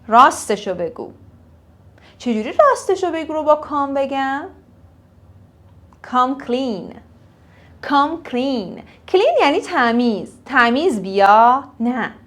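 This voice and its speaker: A young woman teaching English phrases in a casual lesson, repeating each phrase slowly for learners. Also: sits high, fairly bright tone.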